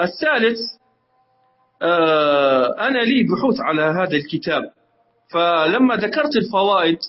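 A man reading a religious text aloud in a lesson and then giving corrections, deliberate and full of hesitations. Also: high-pitched, lo-fi sound.

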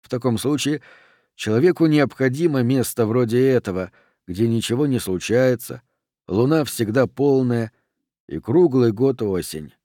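A man narrating an audiobook in an even, unhurried reading voice. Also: mid-range voice, dry recording, clean studio sound.

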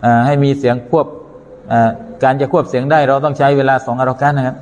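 A man's voice: medium pitch, steady tone, fast talker, a little mellow. A man teaching Quran recitation, chanting verses and then explaining pronunciation step by step in a careful lesson. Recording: long reverberant hall.

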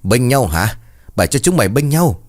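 A man voicing a cruel, spiteful young stepmother who scolds in a harsh, shrill voice. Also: lively intonation, measured pace. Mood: furious.

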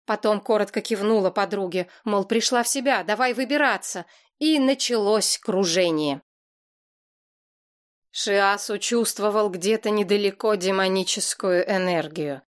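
A woman narrating a fantasy novel in a steady, lively storytelling voice. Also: medium pitch, a little slow. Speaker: audiobook narrator.

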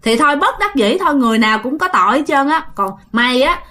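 Stern male underworld judge played by a woman, commanding, brisk. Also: high voice, lively intonation, sharp tone.

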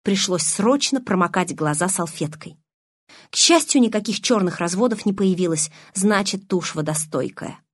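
A woman narrating a first-person audiobook in an expressive, emotional reading. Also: medium pitch, normal speed, breathy edge, dry recording, studio quality.

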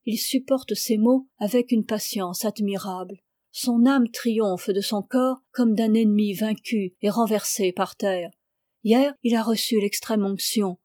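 A woman reading the lines of a pious, austere noble mother who speaks in a solemn, measured, devout way. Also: medium pitch, mellow, no echo, clean studio sound, natural voice.

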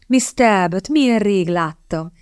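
A woman reading the part of an eager young gentleman in an audiobook, his lines bursting with excitement. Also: medium pitch, clear, resonant tone, dry recording, clean studio sound, natural voice. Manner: breathless, enthusiastic exclamations.

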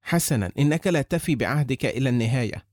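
A man's voice: mid-range voice, lively intonation, fast, a little mellow, no room sound, natural voice. A man voicing an indignant nine-year-old boy who pleads and accuses, close to tears, in an audiobook. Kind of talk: audiobook character reading.

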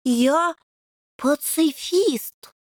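A woman voicing a young male plasticine imp, a meek pacifist, talking hesitantly and slowly. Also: sits high, no echo, studio quality, pitched above the performer's own voice. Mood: timid.

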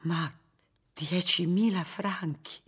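Martina, a gentle old pious spinster, as the reader voices her. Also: medium pitch, unhurried, natural voice. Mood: astonished. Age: older. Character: elderly pious spinster sister, gentle and kind.

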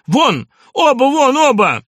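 A nervous, despairing doctor, voiced by a male audiobook reader, bitter and at the end of his tether. The voice runs slightly high and is recorded dry and close. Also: expressive, normal speed, dry recording. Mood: furious. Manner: shouting in rage, then weary and resigned. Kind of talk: audiobook character reading.

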